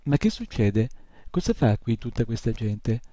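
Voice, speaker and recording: A man's voice: mid-range voice, sing-song, a little slow, mellow, dry recording. A man voicing a fretful little male imp from a storybook, who whines and stammers. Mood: whiny, dismayed. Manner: whiny, stammering "uh, uh".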